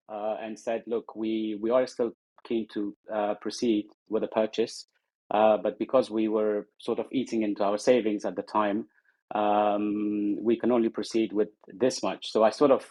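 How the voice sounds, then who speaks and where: A man's voice: fairly low pitch, darkish tone. A man from Afghanistan, a guest in an interview, speaking hesitantly with many ums and restarts. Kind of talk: casual interview. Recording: muffled social audio stream.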